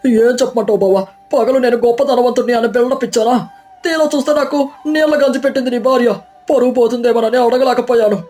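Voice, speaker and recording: A woman's voice: on the high side, fairly even intonation, fast, mellow, soft background music, lightly acted. A woman voicing a stingy, boastful middle-aged man who grumbles and whines, in a storybook tale. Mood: sheepish.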